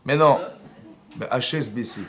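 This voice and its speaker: Un homme à l'accent français enseigne avec vivacité et met en scène des dialogues. Sa voix se tient dans un registre moyen, avec un faible souffle de fond. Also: male voice, mid-range voice, unhurried, slight background noise. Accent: French. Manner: animated, acts out dialogues, asks the audience questions. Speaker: rabbi teaching a class. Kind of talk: lively religious lesson. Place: synagogue class room.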